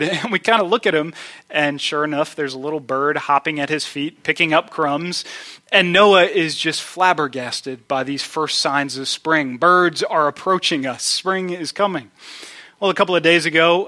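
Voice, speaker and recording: A man in his thirties preaching a sermon as pastor, earnest, with lively storytelling. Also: on the high side.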